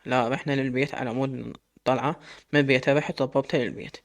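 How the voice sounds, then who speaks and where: A man's voice: medium pitch, steady tone, fast, gravelly. A man with an Iraqi Arabic accent telling a dramatic story in first person, emotional and full of quoted dialogue.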